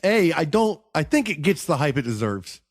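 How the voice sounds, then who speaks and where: A man's voice: fairly high pitch, very animated, normal speed. Hesitant man in casual co-host chat. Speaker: podcast co-host. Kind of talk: casual film review chat.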